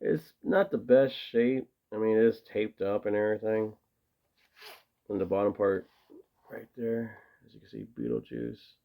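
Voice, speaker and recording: Showing his tape collection on camera, a man rambles enthusiastically, full of fillers. He speaks a little slowly in a creaky, lowish voice, with phone-quality sound.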